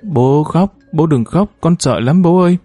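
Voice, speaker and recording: A man's voice: a little high, expressive, normal speed, warm tone, slightly rough, no room sound, soft background music, pitched above the performer's own voice. A man voicing a frightened six-year-old child who cries and pleads with a parent. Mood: sobbing. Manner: crying, pleading.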